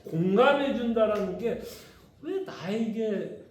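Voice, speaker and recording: Pastor teaching in an echoey room. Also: male voice, high voice, lively intonation, takes it slowly, a little mellow. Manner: conversational, asks the congregation questions. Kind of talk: Bible study teaching. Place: church hall.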